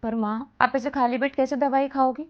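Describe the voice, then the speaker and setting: A woman's voice: sits high, steady tone, normal speed, lightly acted. An actress playing a headstrong young married woman who complains indignantly to her mother in a scripted family drama. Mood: caring. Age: young adult. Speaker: married daughter. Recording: slightly dull lo-fi recording.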